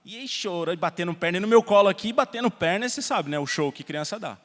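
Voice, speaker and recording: A Brazilian man preaching a sermon as pastor, telling stories with soft asides and loud emphasis. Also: high voice, animated, fast talker. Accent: Brazilian Portuguese. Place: church hall. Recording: long reverb of a church hall.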